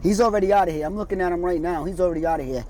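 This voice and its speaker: A man's voice: high-pitched, racing, dark tone, slight background noise, low-quality recording. A man, a truck driver, chatting casually from his truck cab. He speaks with a slight slur and lisp from braces, in an easygoing, slangy, rambling way. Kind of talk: casual chat.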